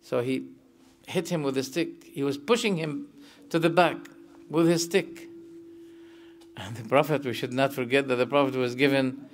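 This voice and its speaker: A man giving a religious lesson and explaining scripture verses, emphatic and animated, his voice rising on key points as he tells stories. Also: medium pitch, moderate pace, slight background noise. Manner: tells stories, sometimes emotional. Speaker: sheikh teaching Islamic creed.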